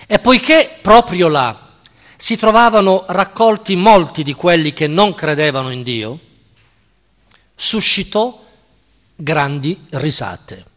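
Slow, emphatic male professor in a hall. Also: fairly high pitch, lively intonation, fairly bright tone. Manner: slow, deliberate, emphatic, checks in with listeners. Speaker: philosophy professor. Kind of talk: university-style lecture. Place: lecture hall at a cultural center. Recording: reverberant lecture hall.

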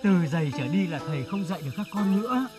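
An actor playing an old village teacher who gently tells his pupils he can no longer teach them, in a slow, mournful way, with music playing underneath. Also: high voice, expressive. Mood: regretful.

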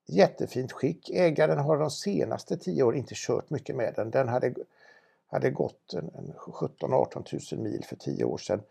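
A man's voice: mid-range voice, big pitch swings, vocal fry, mellow, slightly rough. A man presenting a car for auction in a casual, knowledgeable chat, with frequent restarts. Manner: knowledgeable, chatty, many restarts.

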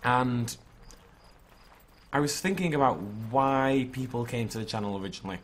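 A young man, hungover with a slightly hoarse voice, chatting in an informal, rambling, self-critical way as he vlogs over a video game. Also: mid-range voice, normal speed. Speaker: gaming video creator. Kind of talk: casual vlog chat over gameplay. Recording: clearly noisy background ambience.

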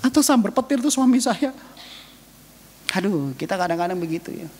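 A man preaching a sermon as pastor, telling emotional stories that rise to loud peaks and fall to soft asides. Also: sits high, expressive, fairly quick. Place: church hall. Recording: long reverb of a church hall.

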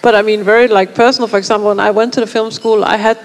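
A woman's voice: mid-range voice, little pitch movement, very fast. A woman in her thirties, an artist and film school teacher, speaking reflectively and searching for words on a panel, with a headset mic in a seminar room. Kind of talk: panel discussion. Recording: reverberant room.

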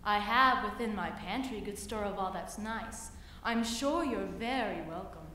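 Young woman doing a sly spider, low and slow, sweet-talking, echoey hall far from the mic. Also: slight background noise. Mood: coaxing. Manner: low, soft, coaxing and drawn-out. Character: sly flattering male spider, smooth and scheming. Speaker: student reciting a poem.

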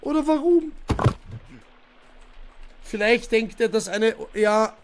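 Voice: mid-range voice, slow. A streamer chatting casually during a livestream, rambling with many fillers and grumbling in exasperation at the game. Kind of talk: casual livestream chat while playing.

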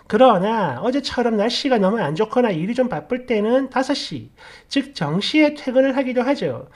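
Woman narrator, lively pitch, expressive storytelling, reading online post.

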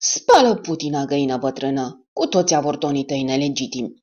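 A woman voicing a hot-tempered male soldier who yells and bellows in an audiobook. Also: a bass voice, animated. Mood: angry yelling. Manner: shouting, drawn-out bellowing. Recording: dull lo-fi audiobook recording.

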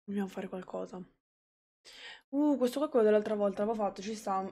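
A young woman, commenting excitedly on a game she plays live, swearing and talking to her chat. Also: mid-range voice, quick pace, husky. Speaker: streamer.

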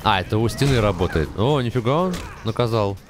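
A young man mutters quick, casual reactions while commentating live gameplay into a close mic, his low-leaning voice brisk and full of lively inflection. Fighting game music and sound effects play behind him.

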